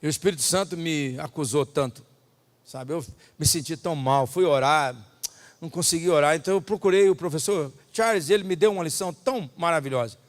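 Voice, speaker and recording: A man preaches with a Brazilian Portuguese accent, his voice sitting high for a man. He swings from loud, ringing declarations to quiet, intimate asides. A long reverb trails behind him in a big church hall. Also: a little fast. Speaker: pastor. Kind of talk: sermon.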